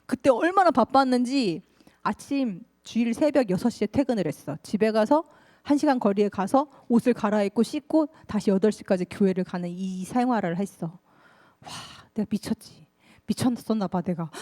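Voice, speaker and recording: A woman pastor preaching to young people, telling a personal story in a lively, colloquial way. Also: a little high. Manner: lively, confessional storytelling, colloquial, laughs often.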